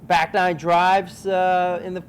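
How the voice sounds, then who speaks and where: High-voiced joking male co-host. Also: flat delivery, slight background noise. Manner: joking, quick quips. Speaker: podcast co-host. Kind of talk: casual chat.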